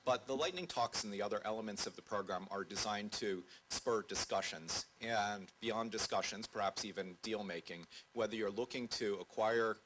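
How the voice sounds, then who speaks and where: A man, the conference organizer, giving opening remarks on stage and handing over to a colleague, halting with fillers. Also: lowish voice, a bit bright, a little hiss or hum, rough recording. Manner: halting, with repeated words and fillers.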